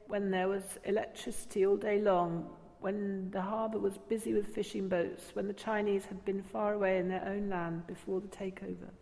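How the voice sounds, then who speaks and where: Woman, story narrator, calm, mellow tone, long reverb. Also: medium pitch. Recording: long reverb, faint ambience.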